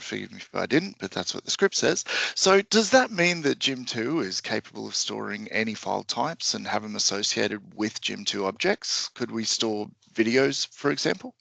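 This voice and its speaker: A man hosting a software webinar in a friendly, upbeat, scripted way. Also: fairly low pitch, sing-song, normal speed, creaky, few pauses, no echo. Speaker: webinar host.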